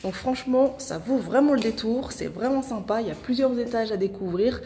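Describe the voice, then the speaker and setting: A woman's voice: fairly high pitch, a little fast, dark tone. A young woman hosting a casual travel vlog outdoors, speaking with many hesitant filler sounds. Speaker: travel vlogger. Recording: outdoor camera audio with background noise.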